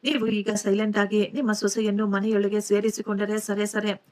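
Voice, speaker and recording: A woman's voice: medium pitch, flat delivery, moderate pace, a little mellow, lightly acted. A woman voicing a stern, fair-minded older neighbor man in a storybook tale, firm and reproachful.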